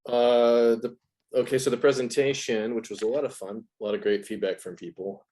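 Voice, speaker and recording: A man appearing as an interview guest and video essay presenter explains things casually yet in articulate, wordy, academic language. His mid-range voice is mellow, a little fast, and shows little pitch movement.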